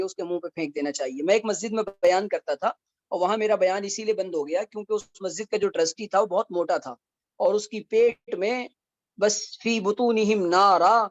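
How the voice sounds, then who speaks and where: A man's voice: sits high, darkish tone, no echo, lo-fi sound. A man, a mufti, giving a conversational religious lecture that mixes rulings with wry asides and rhetorical questions. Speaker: mufti teaching Islamic law. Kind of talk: religious lecture in a teaching series.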